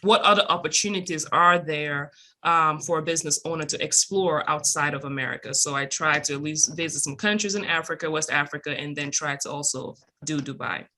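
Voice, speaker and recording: A woman's voice: low voice, a little fast, sharp tone. A woman from Cameroon, a guest entrepreneur, answering interview questions in a chatty, upbeat way with many fillers.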